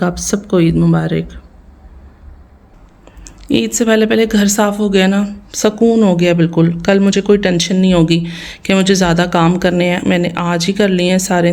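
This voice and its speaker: A woman from Pakistan with a Pakistani Punjabi accent, hoarse and tired, chatting to viewers in a home vlog voice-over. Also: mid-range voice, darkish tone. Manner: chatty, addresses viewers directly, asks their opinion. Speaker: vlogger.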